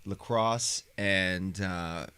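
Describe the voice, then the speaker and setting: An American man from Indiana chatting casually as an interview guest, halting and rambling as he searches for his words. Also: low-pitched, bright, forceful tone, a little hiss or hum. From Indiana, United States. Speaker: guest, stage performer.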